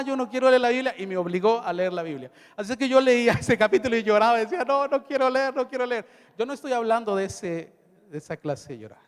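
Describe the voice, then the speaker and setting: A middle-aged man preaching to a large gathering, with a very high voice for a man. He reads scripture and puts questions straight to his listeners. His words ring out in a hall with long reverb. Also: clear, resonant tone. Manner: preaching, reading scripture then asking the audience questions. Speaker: pastor. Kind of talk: sermon. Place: large hall at a youth event.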